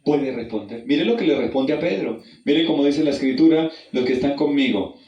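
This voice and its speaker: A man preaching an evangelistic sermon. He tells a personal story, calls his listeners brother and asks them questions, and he goes from hushed and low to loud and high when he reads the scripture. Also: animated, brisk, dull audio. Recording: roomy, distant mic.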